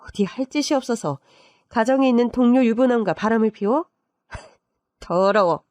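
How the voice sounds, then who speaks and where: Sharp-tongued aunt, woman voicing her, mellow dry voice, scornful and biting. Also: on the high side, normal speed, dry recording, lightly acted. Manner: cutting, scornful. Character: fierce protective aunt, middle-aged woman.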